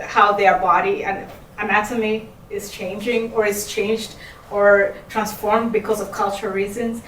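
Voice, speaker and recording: A woman from Uganda asks long, halting interview questions full of "uh" and pauses. Her voice sits in the middle of the range and sounds distant from the microphone. The room is echoey, with a faint hiss in the background. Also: medium pitch, a bit bright. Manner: halting, many fillers.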